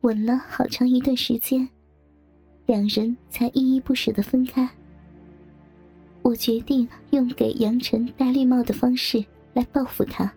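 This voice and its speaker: A woman tells a first-person audio story in a soft, intimate voice. Her tone is dark and mellow, with a gravelly, husky grain. Faint music plays beneath her narration. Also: on the high side, steady tone, measured pace.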